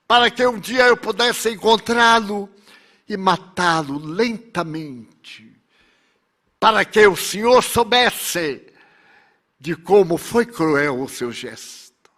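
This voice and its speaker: A woman who survived great cruelty speaks of forgiveness, as a man retells her words. Her voice is high and unhurried, and each phrase comes out solemn and heavy with grief. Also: animated, fairly bright tone, full character voice.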